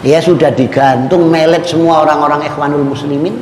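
A man's voice: on the high side, steady tone, darkish tone. Middle-aged man, emphatic lecturing preacher, recorded with faint noise in a large reverberant hall. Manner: slow, emphatic, questions the audience. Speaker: Islamic preacher. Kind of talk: religious lecture.

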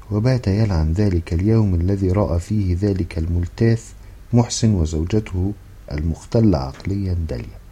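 A man narrating a humorous book in a dry, measured storytelling manner. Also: deep voice, mellow, breathy edge. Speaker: audiobook narrator.

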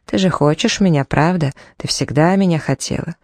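A woman's voice: low-pitched, normal speed, darkish tone, dry recording, natural voice. A woman voicing a drunken, aggressive, lecherous man who pants and leers, in an audiobook. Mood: leering. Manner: panting, leering.

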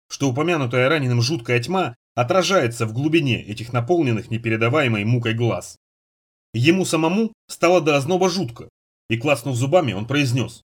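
A man narrating an audiobook in an expressive storytelling manner. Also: medium pitch, husky. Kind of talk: scripted narration.

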